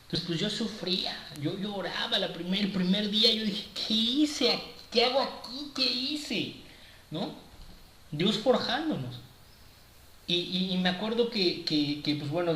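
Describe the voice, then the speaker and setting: A male preacher tells a testimony in a sermon. His voice sits a bit high, and he stumbles and repeats words as he goes. He is recorded in an echoey room with a faint ambient hiss. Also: pushed and bright. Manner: halting, many repeated words and restarts.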